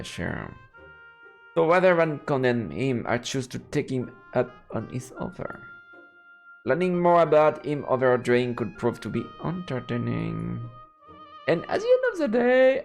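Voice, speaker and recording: Reading a visual novel aloud for a let's play, this man speaks in a sing-song, slightly slow voice with vocal fry, playfully tossing in silly, high-pitched exclamations. His voice sits over game music.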